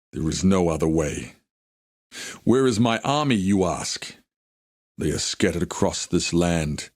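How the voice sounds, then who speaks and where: Haku, deep solemn warrior. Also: male voice, a little mellow, no room sound, studio quality. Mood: grave, urgent. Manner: solemn, measured, formal storytelling delivery. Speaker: video game character. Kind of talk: dramatic scripted game dialogue.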